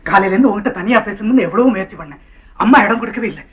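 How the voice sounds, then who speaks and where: An earnest son begging his policeman father to trust him. He speaks fast in a high voice with steady urgency. It comes from a dull old film soundtrack with faint music. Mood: urgent. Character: earnest young son hiding a secret. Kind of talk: 1960s film melodrama acting.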